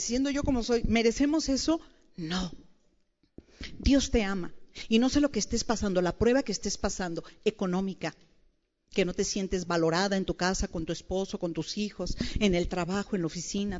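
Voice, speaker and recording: A woman preaching a lively conversational sermon to a women's gathering, playful and animated, often asking her audience questions. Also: medium pitch, normal speed. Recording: dull sound with long hall reverb.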